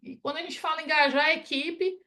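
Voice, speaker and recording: A woman's voice: sits high, steady tone, fairly quick, sharp tone. A Cearense woman from Brazil, a consultant, giving a chatty webinar talk over a video call and tagging many phrases with "né?". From Ceará, Brazil. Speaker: project management consultant and webinar speaker.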